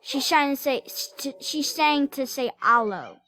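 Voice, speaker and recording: A woman's voice: high-pitched, little pitch movement, normal speed, slight background noise. A woman doing casual reaction commentary, giggling and retelling each clip in a rambling way. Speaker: reaction vlogger.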